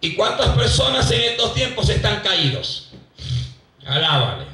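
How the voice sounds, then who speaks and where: A man's voice: high voice, huge pitch swings, a little slow, sharp tone, soft background music. A man from Venezuela, a pastor preaching a live church sermon with fervor, repeating phrases and calling out to the congregation. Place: church hall. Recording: echoey hall, voice from far off.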